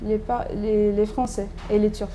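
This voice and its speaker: Answering an interviewer's questions, a native Turkish-speaking woman in her thirties who is a doctoral student stumbles and restarts casually, with frequent fillers. Her mid-range voice keeps a level tone at normal speed, and background noise is present.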